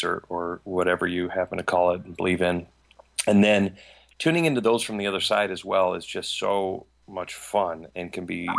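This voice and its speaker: A man with a Liverpool accent, a psychic medium guest, talking in an earnest, rambling and gently joking way. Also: fairly low pitch, gravelly. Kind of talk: casual chat.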